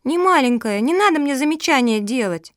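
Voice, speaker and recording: A woman's voice: high voice, lively intonation, moderate pace, fairly bright tone, dry recording, studio quality, voice pushed up. A woman voicing a small, stubborn, honest girl pug puppy in a storybook reading, insistent and emphatic. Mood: tearful.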